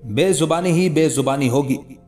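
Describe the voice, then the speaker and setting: A man voicing a calm, mocking ascetic holy man in a read-aloud historical story, with measured, scornful delivery. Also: on the high side, faint music behind, natural voice. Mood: defiant.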